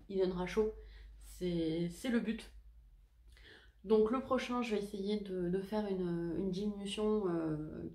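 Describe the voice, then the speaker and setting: A woman's voice: medium pitch, a little mellow. A woman hosting a knitting podcast, talking casually to camera in a chatty, hesitant and self-deprecating way. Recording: echoey room.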